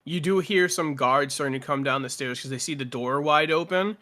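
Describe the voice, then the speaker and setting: Casual male game master, slightly high voice. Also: a little fast, sharp tone. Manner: casual, laughing, swearing. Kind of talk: narrating a tabletop game.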